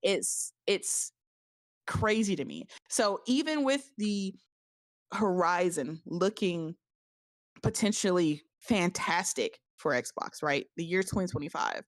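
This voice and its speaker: A woman with a slightly low voice and a dry sound with little room in it. She rants casually as a podcast host, animated and exasperated, stumbling over words and repeating phrases as she argues her point. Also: takes it slowly, no room sound. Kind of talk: casual opinionated gaming podcast chat.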